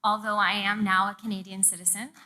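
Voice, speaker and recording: Speaking fast in a mid-range voice with little pitch movement, a Southern woman in her 40s lectures as a university professor. She is from Charleston, South Carolina, US, and her prepared public talk in a museum event room includes personal asides. The recording is very noisy.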